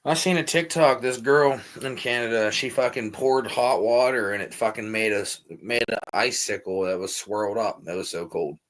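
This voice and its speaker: A man in his early twenties in a casual chat, complaining in a relaxed way and swearing freely. His voice has a bright, sharp edge. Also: mid-range voice, normal speed, hardly any pauses. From Pennsylvania. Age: 20s. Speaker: chat participant.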